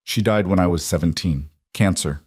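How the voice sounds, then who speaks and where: Soft kind woman voiced by a male narrator, dry close recording. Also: low voice, normal speed, husky, no echo.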